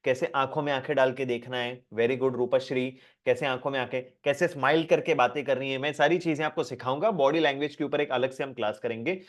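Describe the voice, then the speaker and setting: Lively male online teacher. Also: mid-range voice, fairly quick, few pauses. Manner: lively and repetitive, asking the class questions. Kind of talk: live online class.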